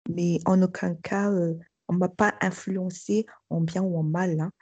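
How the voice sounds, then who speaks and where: A woman's voice: fairly low pitch, steady tone, unhurried, dark tone, slightly rough, no room sound, muffled recording. A middle-aged woman, a school director, giving a hesitant personal testimony full of fillers and restarts. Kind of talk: testimony interview.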